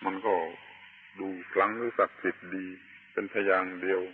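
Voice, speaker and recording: A man preaching a Buddhist sermon, slow and deliberate, pausing often and stressing key words. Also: low-pitched, fairly even intonation, narrow, tinny audio, slight background noise. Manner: slow and deliberate, with long pauses and emphatic chanted words. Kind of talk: Dharma sermon.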